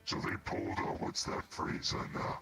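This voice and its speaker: Man, very low gravelly voice, crisp forceful edge, slow rambling delivery, faint music behind. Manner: slow, rambling, with filler pauses. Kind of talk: casual explaining of myths.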